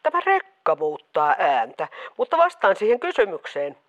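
A woman's voice: lowish voice, wildly swooping pitch, highs cut off. A woman playing a stubborn, meddling mother who keeps calling a radio quiz under fake voices, in a comedy sketch. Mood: disguised. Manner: stubborn, pushy. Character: meddling mother faking several callers' voices. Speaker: caller, the host's mother in disguise.

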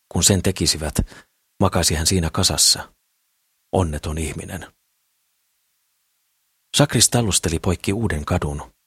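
A man reading a novel aloud in steady, measured audiobook narration. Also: deep voice, slightly rough, no room sound, studio quality.

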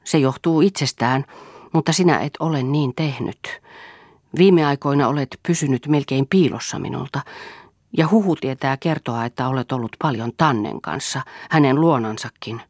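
A desperate, imploring young man begging for love, as a woman reader voices him. His voice is gravelly and husky, close and dry, with the melodramatic pleading of a storybook lover. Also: very deep voice, a little mellow, dry recording. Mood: reproachful.

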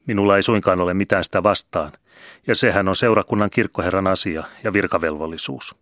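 A man's voice: low voice, steady tone, a bit bright, no room sound, clean studio sound. A man voicing a learned professor who formally addresses a village crowd in an audiobook.

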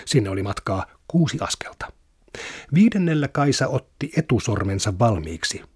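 A man reading literary fiction aloud in a measured, even narration. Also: lowish voice, husky, no echo, studio quality. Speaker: reader.

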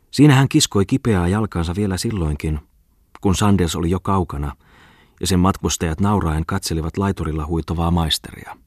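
A man reading a novel aloud as an audiobook, in measured storytelling narration. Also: deep voice, darkish tone, dry recording, studio quality. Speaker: audiobook reader.

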